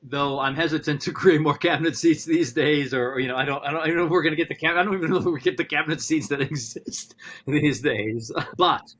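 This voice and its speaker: A man who is a philosophy professor, talking in a podcast conversation, animated and thinking aloud with frequent restarts. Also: fast. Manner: animated, talks through ideas with frequent restarts; acts out quotes with sudden high-pitched voices.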